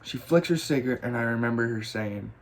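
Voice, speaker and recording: A man's voice: mid-range voice, a little fast. Man swearing through a rambling story. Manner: profane, rambling, animated retelling. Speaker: graffiti storyteller. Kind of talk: casual storytelling.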